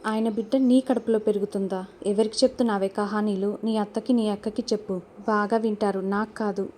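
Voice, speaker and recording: A woman's voice: mid-range voice, steady tone, a little fast, dark tone, slight background noise, close to an everyday voice. A woman reading a feisty young housemaid. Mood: angry.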